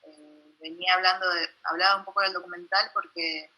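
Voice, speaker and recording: A young woman with a Buenos Aires accent, a documentary filmmaker giving an informal, self-deprecating talk over a video call, halting with many restarts. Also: lowish voice, flat delivery, pushed and bright, soft background music, rough recording. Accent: Buenos Aires Spanish. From Buenos Aires, Argentina. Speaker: documentary filmmaker presenting her work.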